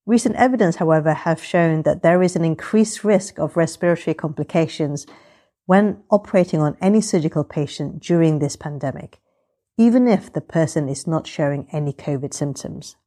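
Measured, low-pitched woman explaining. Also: warm tone. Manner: measured, formal, orderly. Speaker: breast surgeon and vlogger. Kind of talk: explanatory vlog narration.

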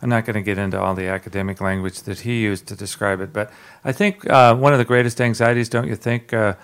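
A man with a low, gravelly voice hosts a radio talk program. He talks in a loose, unhurried way, full of fillers, with a hint of a Southern drawl. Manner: relaxed, many "uh" fillers, jokes about his southern drawl. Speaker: radio show host.

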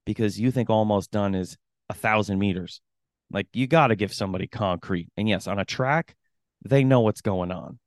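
Emphatic man with a low voice, dry sound. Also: moderate pace, dry recording. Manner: emphatic, laughs often while making a point. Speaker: running coach and podcast co-host. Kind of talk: casual chat.

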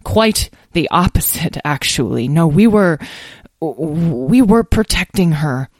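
A woman's voice: deep voice, lively intonation, slow pace, no room sound, clean studio sound, full character voice. A woman voicing a formal elderly man who leads a guild, speaking hesitantly and apologetically. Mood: apologetic.

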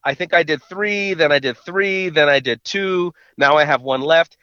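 A man's voice: a little high, normal speed, pushed and bright, clear, resonant tone, no echo. A man co-hosting a podcast over a phone call, chatting casually and often repeating his first words. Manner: stammers and repeats words at starts. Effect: heard over a phone call. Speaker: podcast co-host. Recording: dull, muffled phone line.

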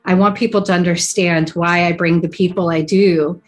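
A woman's voice: fairly low pitch, fairly even intonation, moderate pace, soft background music. A woman hosting an interview, mostly giving short, attentive affirmations before explaining how she picks her guests. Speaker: podcast host. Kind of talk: casual interview talk.

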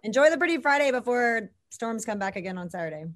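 A woman's voice: a little high, lively intonation, fast talker. A woman from the Atlanta area co-hosting a live real estate podcast, upbeat and friendly in casual banter.

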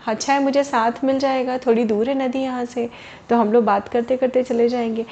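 A woman's voice: a little high, steady tone, a little fast, mellow, slight background noise, close to an everyday voice. A woman voicing a clever, sly young village man who outwits a cheat in a children's storybook tale. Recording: dull lo-fi recording.

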